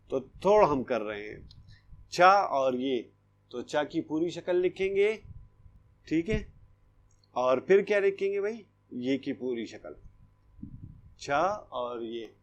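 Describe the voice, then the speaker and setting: A man gives an online lesson to young children in a slightly raised voice. He talks slowly and patiently, repeating each step and stopping to ask whether the class has understood. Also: a little high. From Pakistan. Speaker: primary school Urdu teacher.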